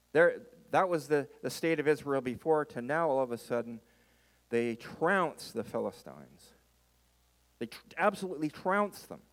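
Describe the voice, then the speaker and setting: A man preaching a sermon as a pastor, with an emphatic delivery that leans on dramatic repetition. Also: medium pitch. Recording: reverberant hall.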